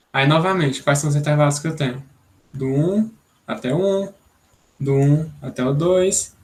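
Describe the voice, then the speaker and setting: A young man from Brazil teaching an online programming class, thinking aloud step by step and checking in with "né?". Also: a little high. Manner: explanatory, thinks aloud, many "né?" tags. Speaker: instructor.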